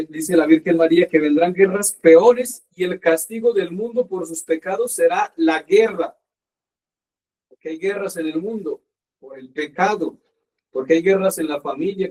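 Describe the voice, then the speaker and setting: Male priest, sermon, earnest, emphatic pauses, higher voice, distant mic. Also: a little mellow.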